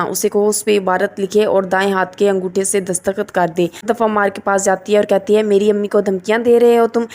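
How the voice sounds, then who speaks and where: A woman's voice: mid-range voice, a little mellow. A woman reviewer narrating a scripted recap of a drama episode, reading the characters' lines in her own voice.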